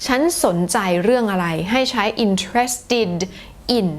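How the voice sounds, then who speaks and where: Thai-accented woman, teacher, very slow deliberate delivery, soft music underneath. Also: on the high side. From Thailand. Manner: slow, carefully repeated example sentences. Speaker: English teacher. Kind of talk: bilingual lesson explaining grammar.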